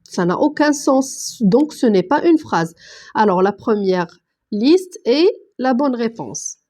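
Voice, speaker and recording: Woman, teacher, somewhat high voice, patient, step-by-step, reads words one at a time. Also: very animated, slow, mellow. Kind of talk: online grammar lesson.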